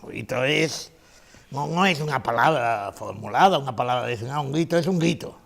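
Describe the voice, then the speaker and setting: A man's voice: medium pitch, animated, fairly quick, creaky, fairly bright tone. A man giving a conference lecture, emphatic, repeating his key phrases and asking rhetorical questions.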